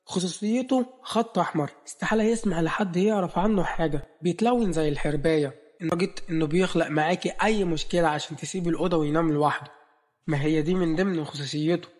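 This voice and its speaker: Brief: egyptian male narrator for a romance story, fast, slightly high voice. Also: in a large hall. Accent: Egyptian Arabic. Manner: brisk, direct storytelling. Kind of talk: audio novel narration.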